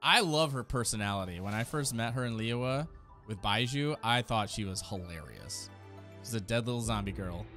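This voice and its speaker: In a small indoor room set up for streaming, a man in his thirties reacts to game trailers as a video host, with trailer music playing behind him. His lowish voice is expressive and sharp-toned at a normal speed, and his commentary is enthusiastic, slangy and casual.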